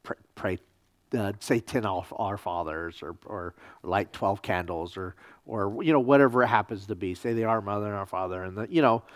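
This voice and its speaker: A man, a pastor teaching a church history class, lecturing casually with halting ums and wry, sarcastic asides. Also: lowish voice, dry recording.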